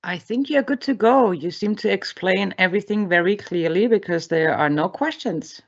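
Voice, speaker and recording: A woman's voice: medium pitch, normal speed. A woman moderating a webinar, chatting lightly with the presenter. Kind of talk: casual chat. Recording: dull lo-fi call audio.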